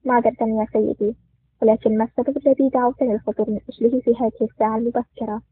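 A man's voice: very high-pitched, flat delivery, rapid-fire, slightly rough, no echo. A man voicing an impulsive male officer in a spoken story, astonished and hasty. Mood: startled. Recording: tinny phone-like sound.

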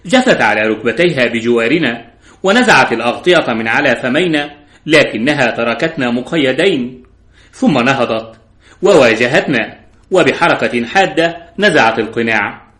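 A man reading a story aloud in a steady, dramatic narration. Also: mid-range voice, normal speed. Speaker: audiobook narrator. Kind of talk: scripted narration. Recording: roomy echo.

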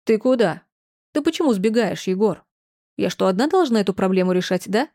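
A woman's voice: mid-range voice, animated, brisk, mellow, natural voice. A woman voicing a distraught middle-aged mother who wails and scolds, then gives hard, clipped orders. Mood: wailing. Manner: lamenting, reproachful, clipped orders. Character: older mother, shrill, wailing, then stern.

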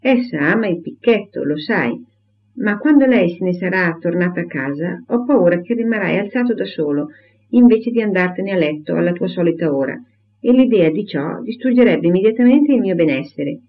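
A man voicing a gentle young woman who reassures her anxious father. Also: sits high, expressive, moderate pace. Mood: reassuring. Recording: tinny phone-like audio.

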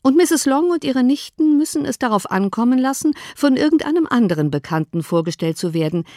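A dry, ironic father in a storybook reading, slow and deliberate with his teasing, as a woman reader puts him on. He sits fairly high and a little raised in volume. The recording is close and dry. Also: animated, a little mellow, no room sound. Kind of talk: audiobook character voice.

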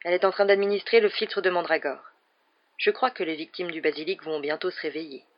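An audiobook reader voicing a wise, gentle old male headmaster wizard who speaks calmly and kindly, unhurried. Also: medium pitch, natural voice. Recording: dull lo-fi recording.

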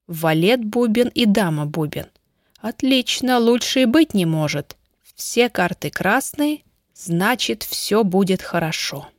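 A woman's voice: mid-range voice, no echo. Woman narrating an audiobook, dry close sound. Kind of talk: scripted narration.

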